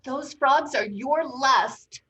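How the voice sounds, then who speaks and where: Woman doing a high, fussy, flustered wife, slow talker. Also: a bit bright, full character voice. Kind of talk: improvised comedy scene.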